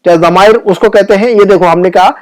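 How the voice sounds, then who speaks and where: High-voiced man teaching grammar patiently. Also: steady tone, darkish tone. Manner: patient, repetitive explaining with frequent checking questions; recites word lists slowly and deliberately. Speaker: Arabic teacher. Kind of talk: classroom grammar lesson.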